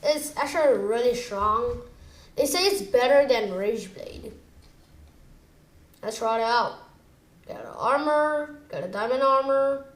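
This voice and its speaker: A woman giving chatty, excitable commentary while playing a video game, switching between low muttering and sudden exclamations. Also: a little slow, long pauses, echoey room. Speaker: gamer. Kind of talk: gameplay commentary.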